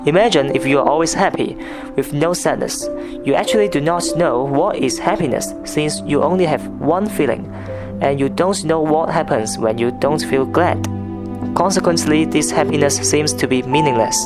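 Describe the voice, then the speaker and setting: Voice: mid-range voice, moderate pace. Scripted film review narrator over music. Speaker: video essay narrator.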